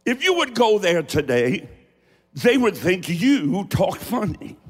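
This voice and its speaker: Slow, high-voiced Appalachian preacher man. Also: husky. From Appalachia, United States. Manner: deliberate, theatrical delivery with emphatic pauses. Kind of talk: folksy, dramatic sermon. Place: large hall, preaching to a congregation. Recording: echoing large hall with long reverb.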